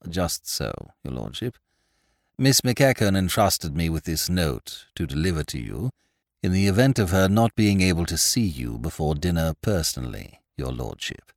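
A man voicing a formal, deferential butler who speaks low and quietly. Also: very animated, normal speed, dry recording, studio quality. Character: deferential, stiff male butler.

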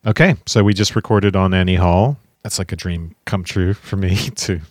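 A man with a very low, deep voice talks through his thoughts on films in a relaxed podcast chat, circling back and restarting as he goes. The sound is close and dry, with no room around it. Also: normal speed, dry recording. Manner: musing, thinks aloud with restarts. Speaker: podcast co-host. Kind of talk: casual chat about films.

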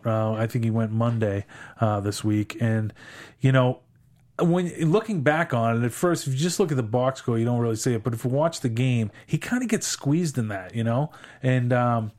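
A man's voice: medium pitch, animated, normal speed, darkish tone. A man with an American accent hosting casual sports talk in a rambling, hesitant way. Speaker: sports podcast host.

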